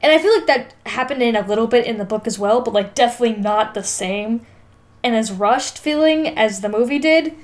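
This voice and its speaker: A young woman co-hosts a podcast, talking about a film in a casual, emphatic way with lots of swearing and constant filler "likes." Her voice sits on the high side and moves fairly quickly, and her manner is informal and sweary.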